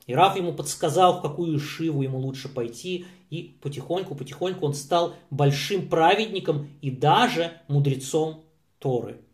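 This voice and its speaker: High-voiced man telling a religious story. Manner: halting, many restarts and fillers. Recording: echoey room.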